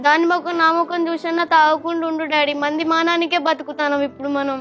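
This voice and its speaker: Woman as an upset young daughter, Telangana accent, reproachful, very high voice, rapid. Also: flat delivery, a bit bright, faint music behind. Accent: Telangana Telugu. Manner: reproachful, urgent. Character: distressed young daughter scolding her drinking father. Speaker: actress in a family web drama. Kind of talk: dialect family drama acting.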